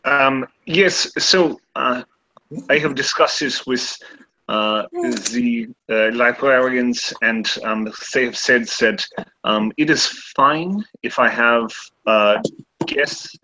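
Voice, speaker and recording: A man's voice: medium pitch, slow, pushed and bright, a little hiss or hum, rough recording. A man voicing a polite, modest male linguist in an improvised tabletop role-play, with an attempted French accent, hesitant and full of fillers. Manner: hesitant, many fillers, slips into other accents.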